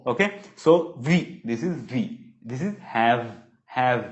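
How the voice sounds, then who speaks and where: Man, Bengali accent, English tutor, mid-pitched voice, muffled recording. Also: animated. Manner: slow drilled English phrases, quick explanations. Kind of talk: bilingual spoken English lesson. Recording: dull lo-fi sound.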